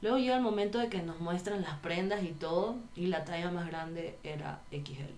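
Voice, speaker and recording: A woman from Ecuador, a podcast guest, chatting casually and telling a lively story while acting out the voices she quotes. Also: on the low side, moderate pace, slight background noise. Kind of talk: casual chat. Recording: roomy echo.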